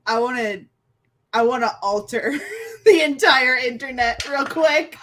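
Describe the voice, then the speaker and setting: A woman players' voice, fairly high and slow, in a casual tabletop game session. She hesitates and halts often. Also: a bit bright, slight background noise. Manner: hesitant, halting, with many fillers. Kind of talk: tabletop role-play chat.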